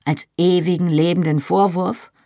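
A woman's voice: fairly low pitch, fairly even intonation, normal speed, dark tone, dry recording, clean studio sound, lightly acted. A woman reading the part of an anguished, proud young man, speaking in pained, bitter outbursts.

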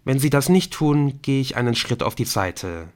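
A man voicing a calm, determined young man who speaks quietly, slowly and firmly. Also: mid-range voice, voice pushed up, natural voice. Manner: quiet, slow and firm.

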